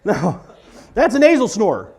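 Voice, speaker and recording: Middle-aged man, church comedy set, very high and lively voice, big shouted punchlines. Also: moderate pace. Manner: animated, exaggerated, bursts into shouts. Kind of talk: stand-up comedy before a church crowd. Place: church event hall before a live audience.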